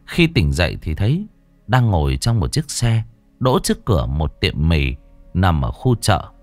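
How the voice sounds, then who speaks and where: A man narrating an audiobook story in an expressive, storytelling way. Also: deep voice, unhurried, no echo, soft background music. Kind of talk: scripted narration.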